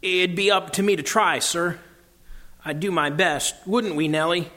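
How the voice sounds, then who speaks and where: A man voicing a humble London cab driver who drops his aitches, talks in rough working-class grammar and speaks earnestly and with deference. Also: sits high, unhurried, bright, forceful tone, in a large hall.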